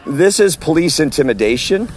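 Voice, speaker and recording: A loud-voiced male street preacher records an audio message on his phone while walking through an outdoor farmer's market, in a forceful preaching cadence. His voice sits on the high side, animated and moderately paced, with slight background noise.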